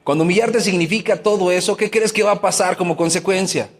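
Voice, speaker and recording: A man's voice: sits high, fast talker, big-room sound. A man preaching a sermon as pastor, asking his congregation many questions and acting out everyday complaints.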